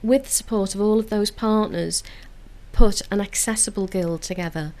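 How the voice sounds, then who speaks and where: Heard through poor audio, this woman's mid-range voice is a little mellow and moves at normal speed. With a Liverpool accent, she speaks earnestly and enthusiastically about community work in a radio studio interview, making frequent filler restarts; she is a council community engagement officer.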